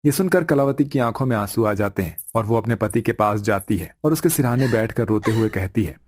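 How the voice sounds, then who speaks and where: Mellow male story narrator. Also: fairly low pitch, expressive, fairly quick, dry recording, clean studio sound.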